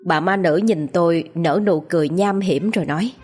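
A woman narrating a ghost story in a slow, steady reading voice. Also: fairly low pitch, faint music behind.

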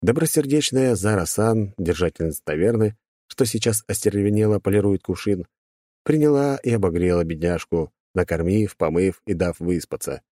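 Low-voiced wry male narrator. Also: normal speed, warm tone, dry recording, studio quality. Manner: wry, sardonic storytelling. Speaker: audiobook narrator. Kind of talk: scripted first-person narration.

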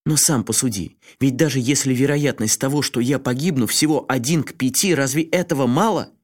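A man's voice: a little high, lively intonation, fairly quick, pitched above the performer's own voice, natural voice. A man voicing a frantic male journalist who pleads with a friend in a raised, agitated voice. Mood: desperate.

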